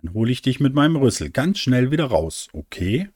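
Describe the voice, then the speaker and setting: Male narrator doing a big, gentle young elephant, friendly and a touch unsure, storybook. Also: medium pitch, big pitch swings, fairly quick, husky, no echo, clean studio sound, pitched above the performer's own voice.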